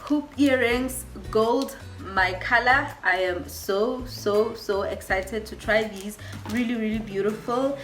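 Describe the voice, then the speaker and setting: A woman's voice: on the high side, slow, fairly bright tone, soft background music. Gushing woman unboxing hair, echoey room. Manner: gushing, repeats herself, says "you guys" often. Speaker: hair vlogger. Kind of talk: excited product unboxing.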